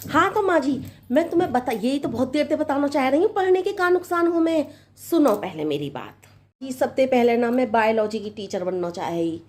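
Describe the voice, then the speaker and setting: A woman's voice: medium pitch, expressive, moderate pace, warm tone, lightly acted. A woman voicing a young, uneducated village daughter-in-law with simple rustic speech, coaxing and naive, in a comic sketch. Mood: explaining.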